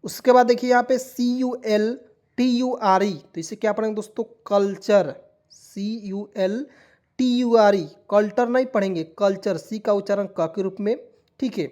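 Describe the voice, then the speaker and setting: A man's voice: high voice, moderate pace, darkish tone. A man teaching a classroom-style lesson. He spells words out letter by letter, asks his listeners what they say, and answers himself in a patient, reassuring way. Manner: addresses listeners as friends again and again, patient and reassuring.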